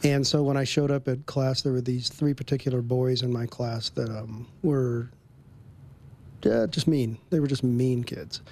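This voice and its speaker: Relaxed and unhurried, a male interview guest recounts a personal story in a medium-pitched voice, with plenty of ums and small chuckles between phrases.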